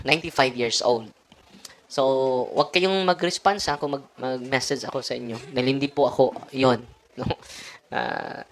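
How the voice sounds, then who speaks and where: A man's voice: medium pitch, fairly bright tone. A Filipino-accented priest gives an informal sermon to his followers. He slides between Tagalog and English mid-sentence and tags his statements with a questioning "no?". He lets out short chuckles between his points. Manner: ends phrases with tag question "no?".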